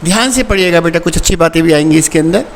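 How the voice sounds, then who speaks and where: A man teaching an English lesson to children, repeating words slowly and translating line by line. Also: a little high. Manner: calls pupils "beta" warmly. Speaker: school teacher. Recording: reverberant room, faint background noise.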